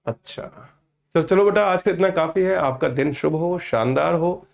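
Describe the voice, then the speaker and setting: Gravelly-voiced teacher man in his fifties. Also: on the high side, moderate pace. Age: 50s. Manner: chatty, teasing, calls students beta. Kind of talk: online class chat with students.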